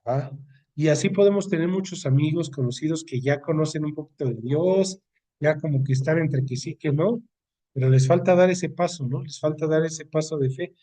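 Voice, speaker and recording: A man's voice: fairly high pitch, normal speed, warm tone, far from the mic. A man with a Mexican accent leading a Bible study, reading scripture aloud and explaining it in a conversational way, often checking in with "¿no?". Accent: Mexican Spanish. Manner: conversational, often asking ¿no? for agreement.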